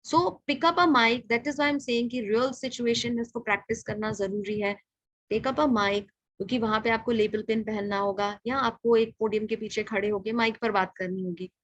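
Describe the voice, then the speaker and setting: A middle-aged Indian woman teaching how to present, talking in a brisk, direct coaching manner and moving between English and Hindi. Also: on the high side, fairly even intonation, a bit bright, no room sound, low-quality recording. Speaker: communication trainer.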